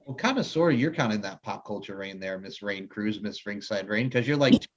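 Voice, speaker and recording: A man's voice: on the low side, animated, quick pace, slight background noise. A man hosting a casual interview, speaking effusively and emphatically and repeating his phrases. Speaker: interview host. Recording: slightly dull, lo-fi audio.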